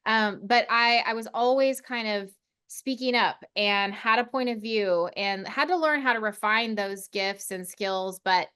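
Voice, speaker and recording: An unhurried, mid-range voice with a bright, forceful, clean tone belongs to a forty-something woman from Oklahoma. She runs a consulting firm and is a guest on a casual podcast interview about leadership, sounding self-assured, well-spoken, and self-deprecating.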